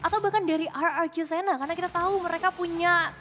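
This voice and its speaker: A woman's voice: very high-pitched, fairly even intonation, quick pace, a little hiss or hum. An Indonesian woman giving live commentary on an esports match. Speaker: esports caster. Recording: loud music under the voice. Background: loud music.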